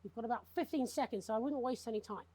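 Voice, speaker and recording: An actor playing a bitter, unhinged TV news anchor in a video game, with a British accent and a commanding, theatrical, sardonic manner. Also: male voice, extremely high pitch, racing, music in the background. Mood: menacing command. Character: unhinged, bitter male TV news anchor holding studio hostage. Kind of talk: dramatic live-broadcast acting.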